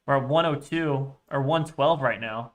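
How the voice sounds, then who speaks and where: A man's voice: mid-range voice, moderate pace. A man in his twenties giving casual live trading commentary, restless and sweary, muttering to himself as he goes. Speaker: day trader livestreamer.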